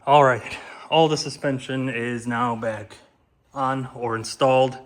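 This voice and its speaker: A man hosting a casual car vlog, calmly explaining each step as he works in a garage. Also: medium pitch, unhurried. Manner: relaxed, explaining step by step while working. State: out of breath. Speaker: car channel host.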